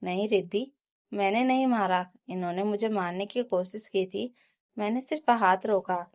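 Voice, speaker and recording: A woman's voice: mid-range voice, normal speed, darkish tone, close to an everyday voice. A woman voicing a young put-upon daughter-in-law. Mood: upset. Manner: pleading, then standing her ground.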